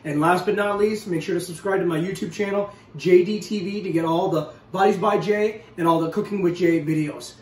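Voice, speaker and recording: Speaking quickly and almost without pausing, a man in his forties runs a relaxed, upbeat cooking demo for the camera at home, referring to viewers as "guys." His high voice stays steady with a darkish tone, recorded in a roomy space on a distant mic with faint kitchen sounds.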